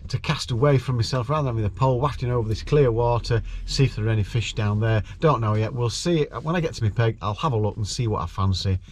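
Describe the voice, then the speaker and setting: Talking quickly with hardly any pauses, a middle-aged angler vlogger chats to camera outdoors by a lake, walking through his plans. His voice is medium-pitched, with slight background noise.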